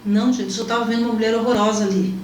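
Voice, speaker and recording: High-voiced woman host telling a story. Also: racing. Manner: animated, repeats herself, pitch jumps when moved. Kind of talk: emotional personal storytelling in an interview. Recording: echoey room, mic at a distance, faint background hum.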